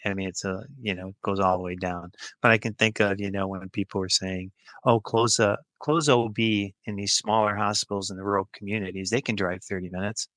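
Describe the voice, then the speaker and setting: A middle-aged or older American man, a healthcare executive appearing as a podcast guest, answers interview questions in a low, slightly bright voice on a dry recording. His manner is informal, plain-spoken, and emphatic.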